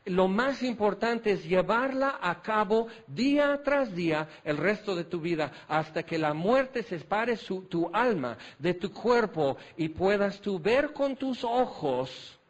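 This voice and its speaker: High-voiced preacher. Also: male voice, animated, takes it slowly, few pauses. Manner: rhetorical, repetitive questioning; folksy, self-deprecating humor. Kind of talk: sermon.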